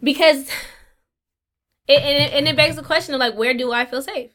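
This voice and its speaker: A woman's voice: high voice, moderate pace, fairly bright tone. A woman co-hosting a podcast, chatting casually with many fillers and laughs. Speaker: podcast co-host. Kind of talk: casual chat.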